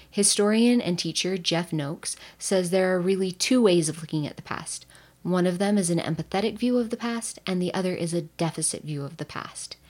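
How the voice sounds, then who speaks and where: A woman's voice: fairly low pitch, darkish tone. A woman who is a history teacher, giving a scripted educational narration with playful, jokey asides.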